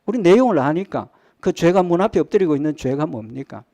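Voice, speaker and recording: A man's voice: fairly high pitch, lively intonation, brisk, mellow, dry recording. A male pastor preaching a sermon, asking rhetorical questions and answering them himself, with his voice dropping to a near-murmur at the ends of phrases. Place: church sanctuary.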